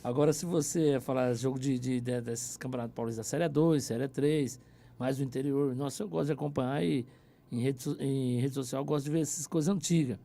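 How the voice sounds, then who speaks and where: Gravelly Brazilian radio announcer. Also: male voice, medium pitch, fairly even intonation, fairly quick, warm tone. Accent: Brazilian Portuguese, São Paulo interior. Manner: chatty, hesitant, repeats words. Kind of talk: casual radio chat. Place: radio studio.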